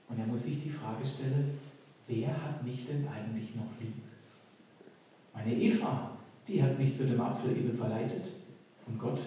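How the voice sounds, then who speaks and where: A man delivers a sermon in a mellow, darker voice. He speaks earnestly and conversationally, slipping into little acted quotes. He is heard from some way off in a very echoey hall with faint room noise behind. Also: medium pitch. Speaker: preacher. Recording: echoey hall, voice picked up from a distance.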